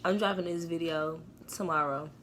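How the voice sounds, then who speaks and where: A woman's voice: deep voice, fairly even intonation, normal speed, fairly bright tone, a little hiss or hum. A young woman hosting a casual mukbang at home, chatting directly to her viewers.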